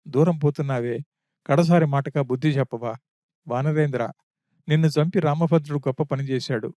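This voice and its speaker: A man's voice: a little high, warm tone, dry recording, studio quality, natural voice. A man voicing a grieving widowed monkey queen, lamenting in plaintive address.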